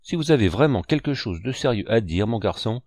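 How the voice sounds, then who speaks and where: A stern, curt ship's captain, played by a male narrator, issuing commands in clipped phrases. The voice sits higher than the reader's own and moves lively. The recording is dry. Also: fairly quick, dry recording.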